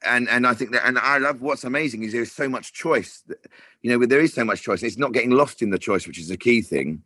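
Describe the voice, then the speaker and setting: A man's voice: mid-range voice, fairly quick, pushed and bright, no echo. Chatty man, dry close sound. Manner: rambling, many restarts and fillers. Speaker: TV director. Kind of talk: casual interview chat.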